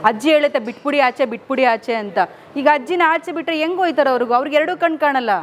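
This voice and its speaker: A woman caretaker at an ashram, telling a visitor about the residents and gently comforting a crying old woman. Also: high voice, quick pace, slight background noise. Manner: soothing, repeatedly comforting a crying elder. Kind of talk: explaining residents to a visiting interviewer.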